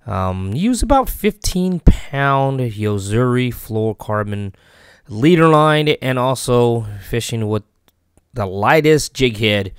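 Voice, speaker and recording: A man narrating a voice-over, briskly running through his fishing gear. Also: mid-range voice, lively intonation, clear, resonant tone, dry recording. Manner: brisk, listing details. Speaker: vlogger narrating.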